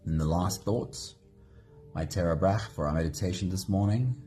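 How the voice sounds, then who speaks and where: Low mellow guy leading a meditation live, slow and gentle. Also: faint music behind. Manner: slow, gentle, greets viewers by name. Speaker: meditation host.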